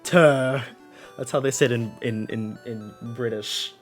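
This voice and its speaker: A man's voice: medium pitch, steady tone, moderate pace, faint music behind. A man chatting casually on a live stream, playful and laughing often as he toys with how words sound. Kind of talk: casual live-stream chat while opening cards.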